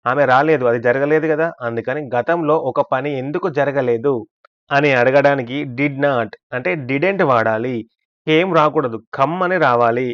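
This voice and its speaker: A man's voice: medium pitch, measured pace, clean tone, dry recording, muffled recording. A man teaching English grammar in a scripted lesson, explaining step by step and asking and answering his own questions. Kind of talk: scripted language lesson narration.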